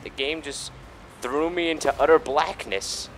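The recording is rough, with slight background noise, as a man with a slightly high voice talks a little slowly through a video game playthrough. He rambles and swears freely, theatrically hamming it up and breaking into pretend shouts.

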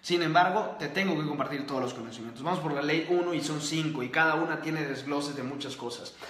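A man's voice: a little high, quick pace, a bit bright. A young man hosting a live stream, giving emphatic motivational talk and asking rhetorical questions. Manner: emphatic, preachy, repeats points and asks rhetorical questions. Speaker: host. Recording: roomy echo.

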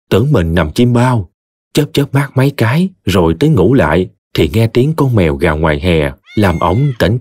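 A man with a Southern Vietnamese accent narrating a story in an expressive, folksy way. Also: lowish voice, breathy edge, no room sound, studio quality.

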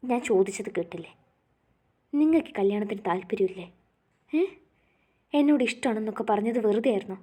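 A woman's voice: mid-range voice, expressive, fairly quick, pauses often, warm tone, close to an everyday voice. A woman voicing a tearful, pleading young bride-to-be in a storybook reading. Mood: accusing. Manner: pleading, distraught. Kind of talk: storybook narration.

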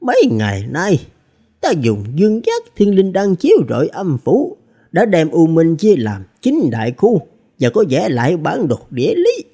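A man voicing a stern old woman sorceress who speaks loudly and urgently, in an audiobook reading. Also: a little high, wildly swooping pitch, moderate pace, voice pushed up, heavily acted. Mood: commanding.

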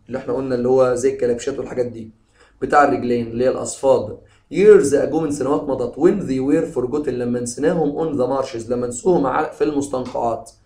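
A man with an Egyptian Arabic accent teaches an English novel, talking fast and explaining it line by line. His voice is gravelly. The room around him sounds echoey. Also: medium pitch, darkish tone. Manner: switches between slow English reading and quick colloquial explanation.

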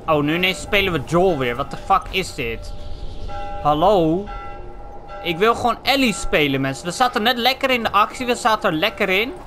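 A young man from the Netherlands giving excitable, foul-mouthed let's play commentary, tossing in English slang. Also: high voice, moderate pace, music in the background. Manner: excitable, swears a lot, drops English slang. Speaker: gaming channel host.

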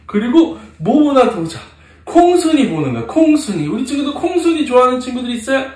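A man with a high-pitched voice leads a Sunday school lesson for toddlers. He talks in an animated, sing-song way and keeps asking the children questions. The sound is roomy and echoey, with the mic set some distance away. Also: fairly quick. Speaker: children's pastor. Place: church classroom.

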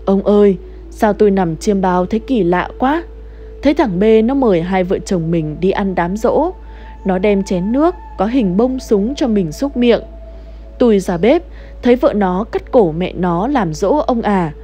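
A woman's voice: medium pitch, animated, a little slow, warm tone, highs cut off, faint music behind, close to an everyday voice. A woman voicing a frightened older village wife, agitated and pleading. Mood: anxious.

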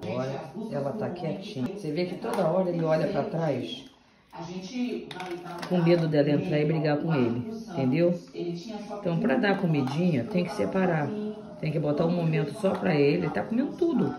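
A woman calmly explaining her dogs' eating to the camera in a casual home video. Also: low voice, normal speed. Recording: echoey room with crowd noise.

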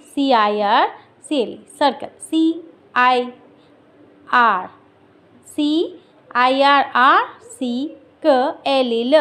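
A woman's voice: sits high, fairly bright tone. A woman teaching phonics, who explains patiently and spells words out letter by letter. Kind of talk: phonics lesson for parents.

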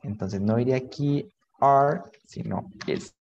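A man's voice: mid-range voice, measured pace, vocal fry, a little mellow, lo-fi sound. A man teaching an online English grammar lesson, patiently repeating words and switching between English and to explain.

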